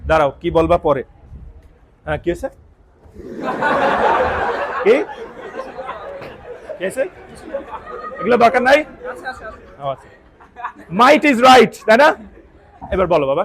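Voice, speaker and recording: A male English teacher with a Bangladeshi Bengali accent, talking in a lively, teasing way to a college classroom and calling on students by name. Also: fairly high pitch, unhurried, pauses often, some chatter behind, a little hiss or hum, poor audio.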